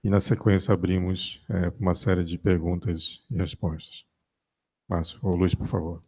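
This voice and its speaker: A man's voice: deep voice, level tone, moderate pace, a little mellow, slight background noise. A man with a Brazilian Portuguese accent moderating a conference panel, hesitant, with frequent fillers. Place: conference stage.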